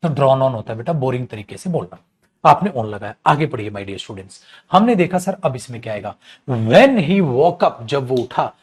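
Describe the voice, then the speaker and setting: A middle-aged man teaching an exam-prep English lesson, calling students "beta", stretching out key words and reading sentences slowly. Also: a little high, a little mellow.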